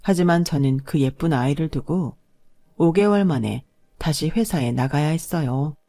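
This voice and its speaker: A woman's voice: low voice, normal speed, warm tone. A woman narrating her own story in first person, plaintive and assertive when she argues back.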